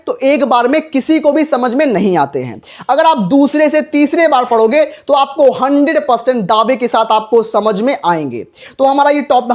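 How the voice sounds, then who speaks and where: A male chemistry teacher giving a lesson, asking himself questions and answering them and repeating each step. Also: very high voice.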